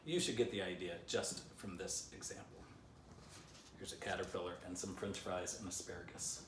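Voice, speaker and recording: A low-pitched male voice, steady in tone and at normal speed, reads aloud from a children's book its author wrote. He is in his fifties, sitting by a living-room fireplace and adding playful, chatty asides for young listeners. The camera a few feet away captures a roomy, slightly distant home recording with background noise.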